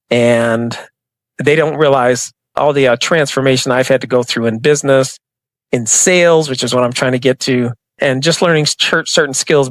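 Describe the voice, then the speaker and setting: A man's voice: on the high side, fairly bright tone, dry recording. A man hosting a podcast interview, talking in a chatty, upbeat and reflective way. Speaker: podcast host. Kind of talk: casual interview chat.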